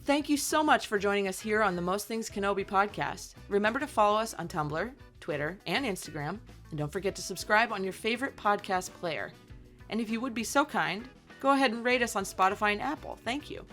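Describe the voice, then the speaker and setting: Woman, podcast co-host, casual chat, excitable and chatty, faint music under. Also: mid-range voice, brisk.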